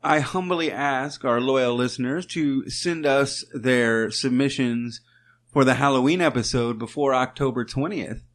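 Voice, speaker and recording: A man's voice: mid-range voice, measured pace. A man co-hosting a podcast, chatting casually and telling stories with jokes and swearing. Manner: profane, joking, storytelling. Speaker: podcast co-host. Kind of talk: casual chat.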